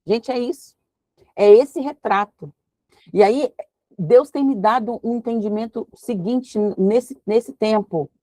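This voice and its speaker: A woman leading a devotional Bible study. She reads scripture slowly and explains it in a lively, conversational preaching tone. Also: a little high, no echo.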